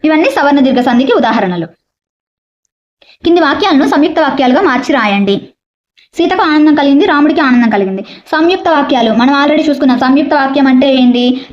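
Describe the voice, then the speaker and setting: A woman teacher, explaining a grammar lesson and slowly repeating examples. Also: high-pitched, muffled recording. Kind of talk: exam-prep grammar lesson.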